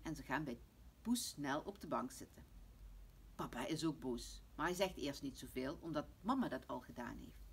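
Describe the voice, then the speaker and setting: A woman reading a children's bedtime story aloud in a gentle manner. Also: extremely low pitch, expressive, moderate pace, slight background noise. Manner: gentle, hushed toward the end. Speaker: reader.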